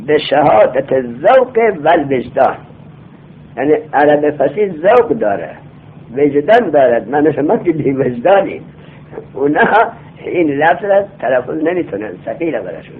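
A male teacher giving a classroom lecture. He reads lines of a text aloud slowly, then explains them and quizzes his students. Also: a little high, sing-song. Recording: tinny lo-fi phone-like sound.

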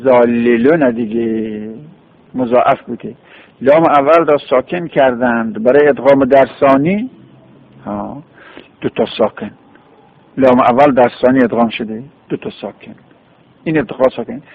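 Guy teaching grammar slowly, repeating each form, sounds like an old lo-fi radio tape. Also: mid-range voice. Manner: patient, repeats forms one by one. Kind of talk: classroom grammar lesson. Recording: tinny phone-like radio recording.

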